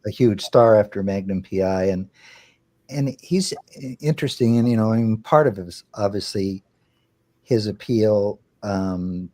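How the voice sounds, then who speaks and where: Slow, mellow older man, halting. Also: fairly low pitch. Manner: halting, thoughtful, many fillers. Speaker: guest, television executive. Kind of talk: radio interview.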